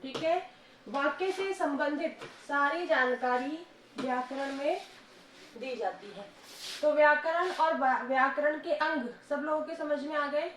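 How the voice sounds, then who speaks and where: High-voiced woman teaching an echoey class. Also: measured pace. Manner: scolding, coaxing a quiet class to answer. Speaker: school Hindi teacher. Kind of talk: classroom grammar lesson. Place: school classroom. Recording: echoey classroom with faint noise.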